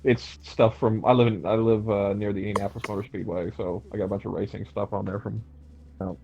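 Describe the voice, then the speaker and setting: A man joining a game stream as a guest, joking and teasing the others in quick banter. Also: fairly low pitch, level tone, vocal fry, warm tone, muffled recording. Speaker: guest gaming YouTuber. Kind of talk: casual chat on a game stream.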